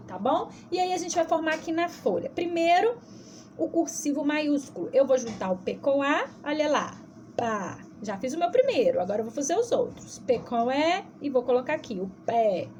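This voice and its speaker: A woman preschool teacher with a Brazilian Portuguese accent, giving a recorded video lesson for young children and sounding out syllables slowly and patiently in a sing-song way. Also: sits high, darkish tone, a little hiss or hum.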